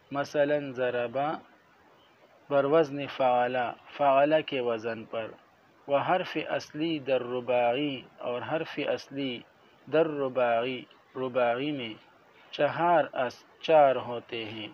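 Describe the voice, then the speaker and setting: A man teaching a classroom lecture, explaining each point methodically and repeating terms slowly. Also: mid-range voice. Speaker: religious studies teacher. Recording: dull lo-fi audio with faint noise.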